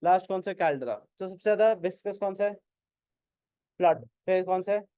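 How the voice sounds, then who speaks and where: A man with an Indian English accent teaching an exam-prep class, mixing Hindi and English and often asking whether it is clear. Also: high voice, normal speed, mellow, dry recording. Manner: keeps asking "is it clear?", questions and answers his own prompts.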